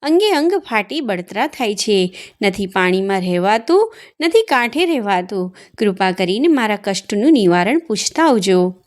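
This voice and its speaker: A woman's voice: medium pitch, very animated, moderate pace, close to an everyday voice. A woman voicing a male crocodile weeping in burning pain in a devotional tale, anguished and pleading.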